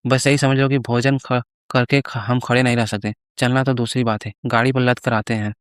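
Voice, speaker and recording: A greedy, boastful old-school priest, as a man reading the story plays him, bragging and coaxing in a steady, mid-pitched voice. The voice is clear and resonant, recorded dry and close. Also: normal speed, no room sound, close to an everyday voice.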